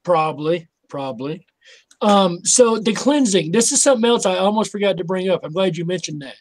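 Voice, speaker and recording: A man hosting an interview show, asking questions in a halting way and rephrasing them as he goes. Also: sits high, lively intonation.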